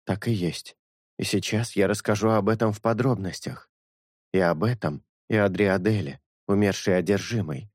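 A man reading an audiobook, voicing an earnest young priest who speaks in a measured, sincere way. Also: fairly low pitch, a little mellow, no echo, studio quality, lightly acted. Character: earnest young male priest, calm and honest.

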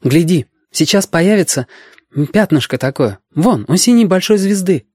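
A man's voice: sits high, expressive, normal speed, a little mellow, dry recording, clean studio sound, pitched above the performer's own voice. A man reading a story aloud and voicing an eager sixth-grade boy who patiently explains things to a girl. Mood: eager, explaining.

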